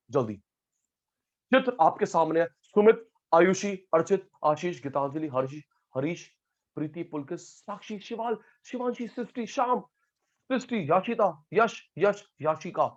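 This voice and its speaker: A male teacher with a fairly high voice leads an online class, calling out students by name one after another. He drills key terms through repetition. The audio is dull and lo-fi. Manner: calls out student names, repeats key terms.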